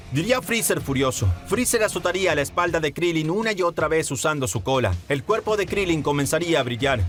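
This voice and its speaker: A man narrating a scripted fan story in a steady, dramatic storytelling manner. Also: a little high. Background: faint music.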